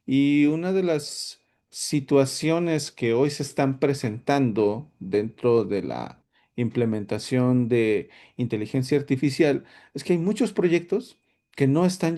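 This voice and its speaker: A solutions architect with a fairly high-pitched, mellow voice presents a webinar for his online tech workshop. His talk is halting, packed with fillers and restarts.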